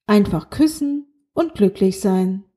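A woman's voice: mid-range voice, lively intonation, takes it slowly, warm tone. Woman doing a cheeky little magic snail. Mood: teasing. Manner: teasing, matter-of-fact. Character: small talking magic snail, cheeky, pushy. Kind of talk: children's audiobook reading.

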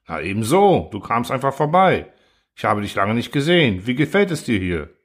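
A sly, gleeful male robot constructor, as a man reads him aloud in a storybook. He coaxes and mocks with cheerful cruelty, his voice pitched up and swinging freely. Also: big pitch swings, normal speed. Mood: coaxing.

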